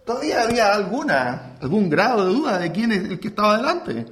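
Dramatic male preacher with soaring pitch. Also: very animated, fairly bright tone. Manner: dramatic, slow, full of rhetorical questions. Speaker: pastor. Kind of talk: sermon. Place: church hall. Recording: roomy church echo.

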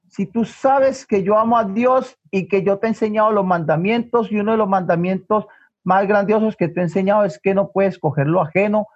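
A strict mother lectures her son slowly and firmly in a high voice, as a man acts her out. Every word is weighed and severe. The recording is muffled and lo-fi. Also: a little mellow. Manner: slow, stern, deliberate scolding. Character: stern, devout mother scolding her son. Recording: dull lo-fi recording.

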